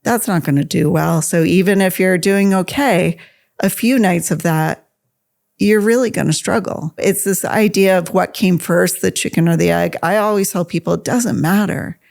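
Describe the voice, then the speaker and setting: A woman's gravelly, fry-edged voice carries an earnest, conversational tone. She talks plainly and directly, as a guest in an interview. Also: lowish voice, normal speed, darkish tone.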